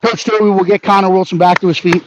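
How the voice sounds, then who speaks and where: A man giving brisk live hockey play-by-play, narrating each pass and leaning toward the home team. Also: high voice, fairly even intonation. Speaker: play-by-play announcer. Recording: dull lo-fi audio with faint background noise.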